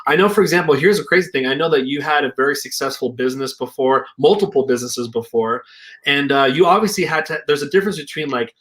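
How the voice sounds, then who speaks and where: A man's voice: fairly high pitch, fast talker, fairly bright tone. A young man talking casually over a remote call, reflective and loose, hedging often with "like" and "you know". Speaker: co-founder and healing practitioner. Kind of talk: casual conversation.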